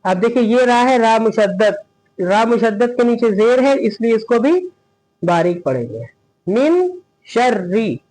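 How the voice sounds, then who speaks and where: A man teaching a Quran reading lesson, spelling out each syllable slowly and asking his students questions as he goes. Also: very high voice, animated, a little mellow, a little hiss or hum, low-quality recording. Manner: patient, repeats each syllable and asks the class questions.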